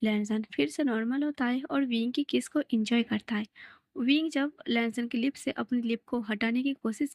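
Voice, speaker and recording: A woman's voice: a little high, a little mellow, no room sound. A woman casually retelling a fan fiction story in a plain, conversational way.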